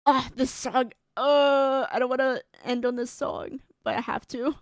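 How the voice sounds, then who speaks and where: A woman's voice: high-pitched, fairly even intonation, measured pace, no echo, studio quality. Giggly woman streamer with a tired voice. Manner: giggly and rambling, with frequent laughs and fillers. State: strained, tired voice. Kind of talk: casual stream sign-off chat.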